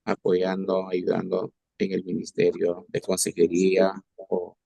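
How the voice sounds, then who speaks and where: A man's voice: deep voice, completely flat delivery, measured pace, vocal fry, warm tone, husky, no echo. A man giving a formal self-introduction on a video call. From Peru. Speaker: church counselor student.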